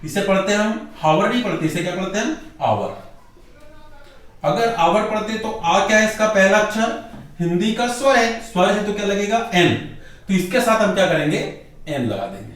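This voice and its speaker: A middle-aged man teaching English grammar in a lecture style, who keeps asking rhetorical questions, answers them himself, and drags out key words slowly for emphasis. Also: high voice, fairly bright tone. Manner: often calls the viewer "bhai". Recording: very echoey room, voice far from mic.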